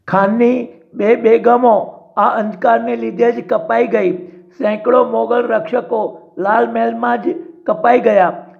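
A man narrating a story in a steady, dramatic storytelling manner, with a dull lo-fi sound. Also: very high voice, creaky. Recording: dull lo-fi recording.

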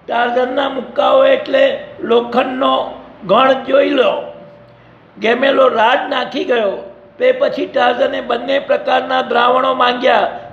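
A man's voice: very high-pitched, creaky. A man narrating a storybook adventure dramatically, in an echoey, dull lo-fi recording.

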